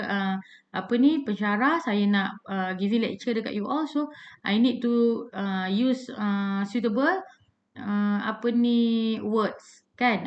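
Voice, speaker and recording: A woman's voice: mid-range voice, highs cut off. A Malaysian woman lecturer giving a casual lecture, chatty with many fillers and English terms mixed in.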